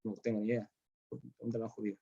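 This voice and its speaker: A man's voice: fairly low pitch, little pitch movement, very fast, creaky, dark tone, husky, dull audio. A man with a Spanish accent, teaching philosophy in a classroom, explaining step by step and often checking in with his students. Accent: Spain. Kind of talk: classroom lecture.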